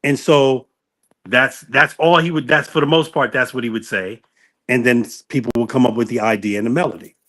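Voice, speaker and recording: Music-industry anecdotes come out in a loose, rambling stream from a man on a podcast, who self-corrects as he tells them in casual conversation. He has a mid-range, somewhat bright voice with fairly even intonation and a slightly fast pace.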